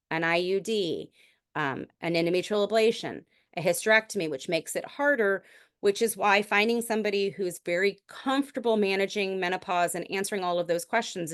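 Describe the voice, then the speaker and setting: A middle-aged woman physician giving a lecture in a conversational, explanatory way, with frequent restarts. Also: medium pitch. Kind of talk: recorded medical lecture.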